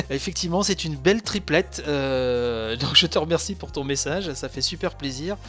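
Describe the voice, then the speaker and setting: A man's voice: fairly high pitch, expressive, normal speed, sharp tone, soft background music. A man hosting a casual podcast, talking with many fillers and restarts. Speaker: podcast host.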